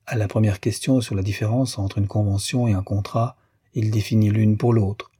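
Male audiobook narrator, measured literary reading, low husky voice. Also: steady tone, mellow, dry recording, clean studio sound.

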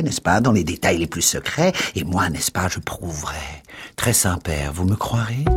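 A man reading aloud and voicing a blustering old father who whines and wheedles in shrill protests. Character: blustering old father, self-pitying and sly. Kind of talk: dramatic book reading.

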